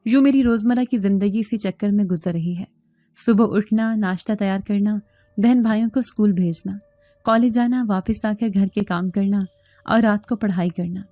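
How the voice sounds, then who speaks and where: Mellow-voiced woman narrating a horror story. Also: medium pitch, moderate pace, dry recording. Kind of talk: scripted first-person horror story narration.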